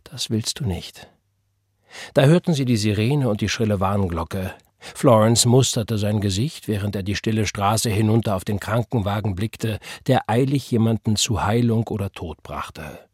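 A man narrates an audiobook in a calm, measured way. His voice is low and a little husky, recorded close and dry with no room sound. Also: no echo.

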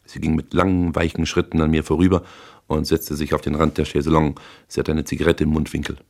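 A man narrates a first-person crime novel in a measured, dry, hard-boiled way. His voice sits very low. The reading is steady and unhurried. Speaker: audiobook narrator.

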